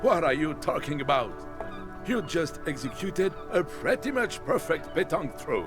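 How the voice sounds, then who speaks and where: A genial old man in a video game. His voice sits fairly high and moves around expressively, placating and encouraging. Music is clearly audible behind him. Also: big pitch swings, normal speed. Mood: admiring. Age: older. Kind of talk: video game character acting.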